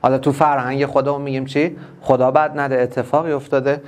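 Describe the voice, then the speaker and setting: A man with a Persian accent teaching an English class online, explaining each word step by step and repeating it slowly. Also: mid-range voice, flat delivery.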